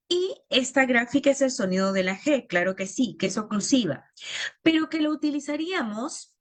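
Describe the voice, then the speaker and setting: A woman giving a phonetics lesson, explaining sounds step by step and often checking in with her listeners. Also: mid-range voice. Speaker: language therapy teacher.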